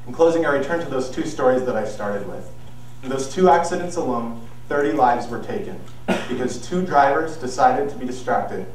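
A young adult student gives an earnest, measured persuasive speech on an auditorium stage, restarting a few times, in a mid-range, animated voice. It's captured by a far camera with no visible mic in a very echoey hall, with faint noise.

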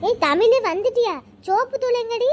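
Shrill, nagging cartoon granny who scolds in sharp bursts, voiced by one performer. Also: normal speed. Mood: scolding. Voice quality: very high-pitched, shrill. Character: scolding old village grandmother. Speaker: grandmother. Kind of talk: cartoon voice acting.

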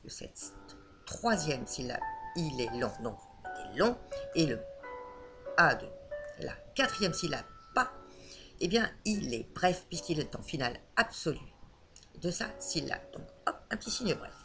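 A woman's voice: low voice, sing-song, measured pace, long pauses, music in the background. Patient woman teaching a lesson. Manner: patient, explanatory, frequent hesitations. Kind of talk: spoken lesson on Old French.

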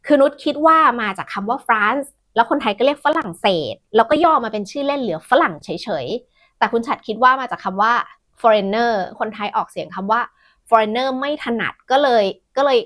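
Vlog host, woman, slightly high-pitched, earnest and talkative, casual chat delivery. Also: animated, normal speed, a bit bright. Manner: earnest, explains her views at length.

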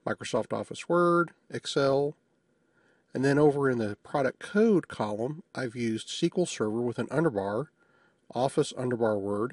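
A man talks through a software demo in a relaxed, matter-of-fact way, throwing in the odd small joke. His mid-pitched voice is a bit husky. It is recorded dry and close, with no room sound. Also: no echo. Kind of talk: screencast tutorial narration.

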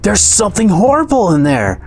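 A jumpy little halfling, put on by a man, whose voice jumps up high and cracks into shrill alarm. He sounds timid and scared, and his pitch swings wildly as the panic rises. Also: sing-song, a little fast, darkish tone, faint music behind. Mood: fearful. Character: frightened male halfling companion, timid and jumpy.

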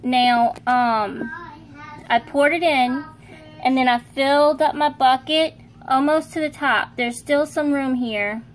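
A woman's voice: sits high, takes it slowly. A woman giving a casual, rambling how-to demonstration in her home kitchen, often correcting herself as she talks into a phone camera. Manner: chatty, rambling, self-correcting. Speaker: home video maker.

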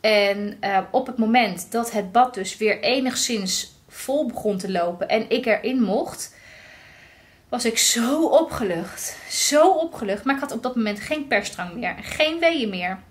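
A woman tells a personal story in a vlog, with a slightly high voice. She talks in a lively way and acts out the quotes of the people in it. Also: measured pace. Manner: lively, recounting with acted-out quotes. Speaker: vlogger.

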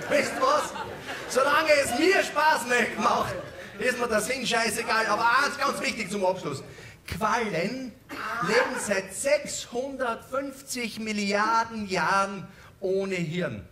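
High-voiced carnival comedian. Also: male voice, takes it slowly, a crowd in the background. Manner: punchy joke-telling, acts out the people in his jokes. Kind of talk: stand-up carnival routine with jokes. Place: carnival hall stage. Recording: echoey hall, live audience and music. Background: audience laughter and music.

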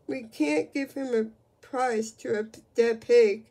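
A woman's voice: a little high, takes it slowly, mellow. A woman reading the lines of a formal male announcer at a county fair, speaking ceremoniously in a storybook reading.

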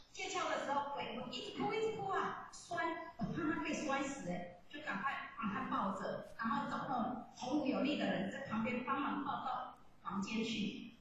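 A woman giving a lively religious testimony, telling her story with laughs. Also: a little high, a little hiss or hum. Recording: echoey hall from far off.

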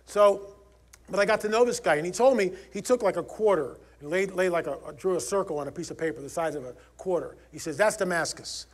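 A man's voice: sits high, fast talker. A man giving a conference talk in an emphatic manner, pushing up to urgent peaks. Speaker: conference speaker. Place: conference hall.

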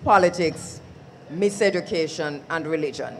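A woman's voice: low-pitched, normal speed, slight background noise. A Jamaican woman presenting a live radio discussion, explaining her points earnestly.

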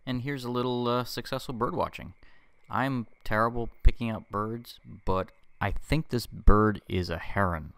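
A man's voice: medium pitch, moderate pace, a bit bright, clean tone, no room sound. A man casually narrating a boat tour voice-over for his travel vlog, chatty and easygoing with self-deprecating asides.

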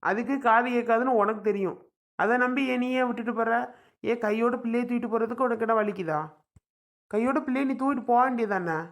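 Woman voicing a fed-up, slightly high-pitched young father who scolds. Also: quick pace, natural voice. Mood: scolding. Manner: exasperated scolding. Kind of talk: comedy skit acting.

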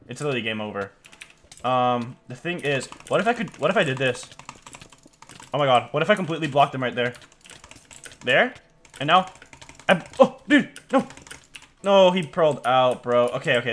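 A man's voice: medium pitch, expressive, fast, fairly bright tone, slight background noise. A young man doing casual gameplay commentary as a video host, talking in a slangy frat-bro way peppered with dude and bro.

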